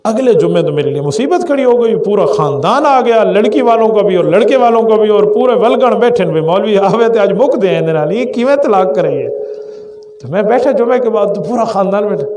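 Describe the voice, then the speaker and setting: High-voiced Punjabi preacher in echoing hall. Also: male voice. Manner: animated storytelling, acts out quoted villagers. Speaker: Islamic preacher and mufti. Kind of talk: sermon. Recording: echoey hall with long reverb.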